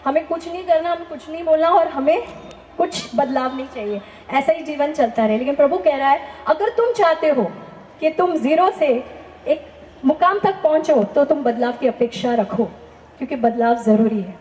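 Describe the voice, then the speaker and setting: A woman's voice: sits high, expressive, moderate pace, darkish tone, slight background noise. A woman giving a personal testimony in a church talk, telling her story earnestly and asking the listeners rhetorical questions. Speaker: testimony speaker. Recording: echoey, dull lo-fi hall recording.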